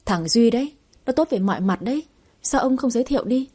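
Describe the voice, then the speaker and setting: A stubborn middle-aged mother complains and pleads with obstinate self-pity, as a woman narrator plays her. Her voice is warm, mellow and very breathy. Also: fairly high pitch, expressive, fairly quick, voice pushed up. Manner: wailing, obstinate.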